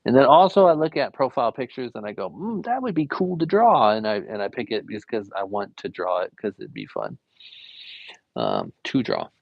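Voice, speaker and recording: A man's voice: fairly low pitch, very animated, normal speed, vocal fry, dry recording, muffled recording. A young adult man, an art teacher and variety streamer, chatting casually and rambling with many fillers while drawing live at home. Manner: rambling, easygoing, lots of fillers.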